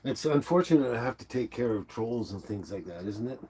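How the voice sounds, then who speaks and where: Speaking at a medium pitch and moderate pace, a stuffy-nosed man with the flu hosts a casual livestream indoors at home. He rambles easily, reads comments and talks to viewers by name, with slight background noise coming through his laptop microphone.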